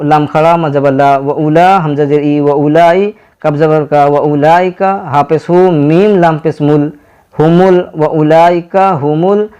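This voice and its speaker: Slow Indian man teaching Quran reading. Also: fairly high pitch, a little mellow. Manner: spells out letters and vowel marks syllable by syllable, then blends them. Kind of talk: slow step-by-step lesson.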